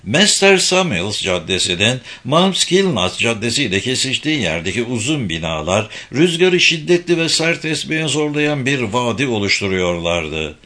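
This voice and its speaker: Expressive, bright male audiobook narrator. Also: medium pitch, normal speed, hardly any pauses. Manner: expressive storytelling. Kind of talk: scripted narration.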